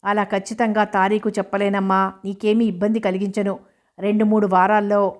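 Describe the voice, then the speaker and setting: A woman voicing a gentle young married woman who speaks politely and pleads softly. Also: mid-range voice, little pitch movement, moderate pace, natural voice. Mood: pleading.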